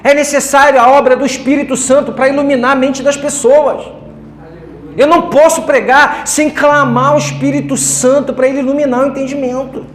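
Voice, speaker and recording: A man's voice: extremely high pitch, little pitch movement, moderate pace, slight background noise. A man preaching a sermon as pastor, joking and talking colloquially. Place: church hall. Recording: echoey church room with faint music.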